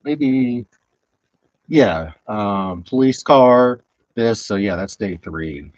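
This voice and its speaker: A man with a Southern accent chatting casually while streaming, rambling and halting with lots of fillers, on a headset mic. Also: fairly low pitch, expressive, dry recording, highs cut off. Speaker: streamer building Lego. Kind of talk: casual live-stream chat.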